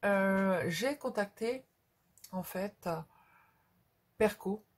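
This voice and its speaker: This craft vlog host, a middle-aged woman, draws out her words in a medium-pitched voice. Her unscripted talk is casual and hesitant, wandering and repetitive.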